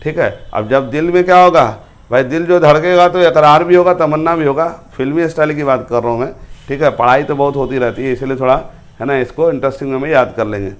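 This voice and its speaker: A man teaching a chemistry class, playfully quizzing students and slowly chanting memory rhymes. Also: fairly high pitch. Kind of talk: classroom lecture with sung mnemonics.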